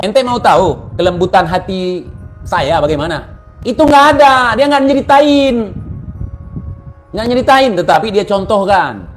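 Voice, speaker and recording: Heated, mocking man with a high voice. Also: slight background noise. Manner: mocking, animated, swings from quiet asides to loud outbursts. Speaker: religious commentator. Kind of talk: heated monologue commentary.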